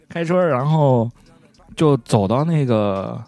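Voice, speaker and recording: A man's voice: mid-range voice, drawn-out words, no room sound. Chatty man telling stories. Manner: chatty, animated anecdote-telling with frequent "you know?". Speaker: podcast co-host. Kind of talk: casual storytelling chat.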